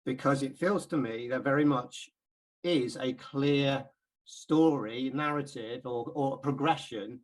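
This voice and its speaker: A man's voice: medium pitch, slow, low-quality recording. A man from England giving an informal Bible class talk, chatty and hesitant, with many ums and repeated words.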